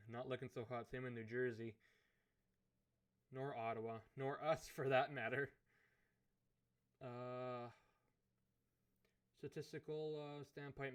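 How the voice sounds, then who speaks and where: A Canadian gaming commentator does let's play commentary of a hockey management sim, musing aloud in an unhurried way as he thinks through his choices. His mid-range voice holds a steady tone but is hoarse and fading, as if he's losing it.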